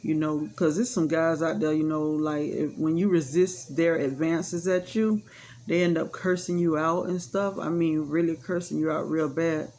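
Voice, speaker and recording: A woman's voice: low voice, steady tone, moderate pace, a little mellow. Woman telling a story in rambling chat. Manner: rambling, full of "you know" fillers; frank and matter-of-fact about hard events. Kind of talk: casual personal storytelling.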